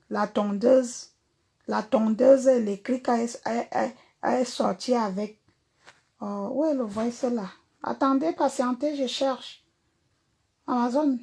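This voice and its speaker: Husky high-voiced Cameroonian woman. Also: mellow. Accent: Cameroonian French. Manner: blunt and confrontational. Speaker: singer and performer. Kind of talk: livestream rant to viewers.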